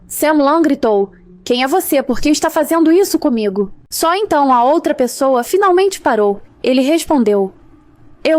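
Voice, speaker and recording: High-pitched woman narrating a story recap. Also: no echo.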